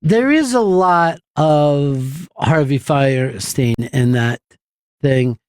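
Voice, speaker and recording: A man's voice: on the high side, expressive, takes it slowly, darkish tone, no room sound. A man hosting a radio show, teasing his co-hosts with plenty of laughter and reading out listener comments. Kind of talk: casual studio banter.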